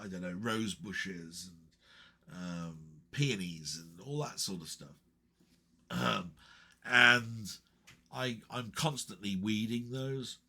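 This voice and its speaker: A man's voice: lowish voice, vocal fry, bright, forceful tone, breathy edge. A middle-aged English man chatting casually and reading out viewer comments, meandering with frequent ums and restarts. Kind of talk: casual rambling chat.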